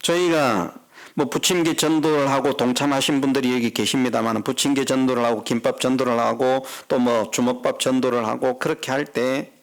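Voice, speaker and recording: A man's voice: mid-range voice, vocal fry. A middle-aged man preaching a sermon as pastor in a church, talking conversationally and putting questions to the congregation. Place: church sanctuary.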